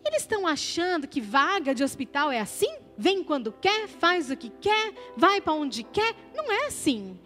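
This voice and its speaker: A woman's voice: very high voice, sing-song, moderate pace, few pauses, sharp tone, faint music behind, heavily acted. A Brazilian woman voicing an irritated, scornful female hospital clerk in an indignant tone.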